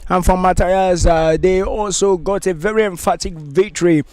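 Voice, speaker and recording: A man giving pre-match football commentary, formally reading out a team list in a steady rhythm. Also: high-pitched, moderate pace, no echo.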